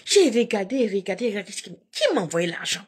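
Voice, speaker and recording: A woman chatting casually to her live viewers, telling stories in an animated, repetitive way and addressing them directly. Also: medium pitch, a little fast, slightly rough.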